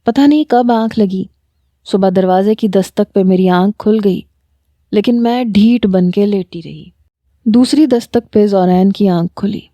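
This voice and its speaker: A woman narrating a romantic story in the first person with a steady, dramatic reading. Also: mid-range voice, dry recording.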